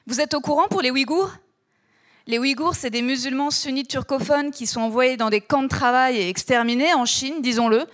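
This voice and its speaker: A woman's voice: high voice, normal speed. A woman doing stand-up in a sardonic, ironic tone. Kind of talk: stand-up comedy.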